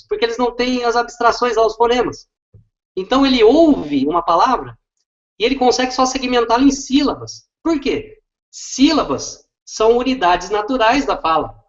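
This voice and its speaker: A man, an educator explaining literacy step by step and often checking with tag questions. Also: extremely high pitch. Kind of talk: didactic explanation in conversation. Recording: dull lo-fi recording.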